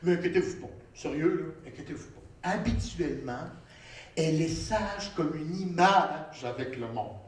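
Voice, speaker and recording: A young male stand-up comedian with a Québécois French accent, telling a story in an animated, theatrical way that swings into shouts and sing-song. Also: a little high, a little slow, far from the mic. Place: theatre stage. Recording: roomy live stage sound from off-mic.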